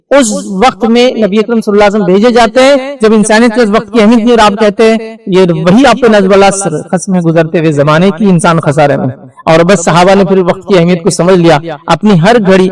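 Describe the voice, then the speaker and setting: A man's voice: high voice, poor audio. A man giving an earnest, lecturing sermon, full of rhetorical questions and asides. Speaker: preacher.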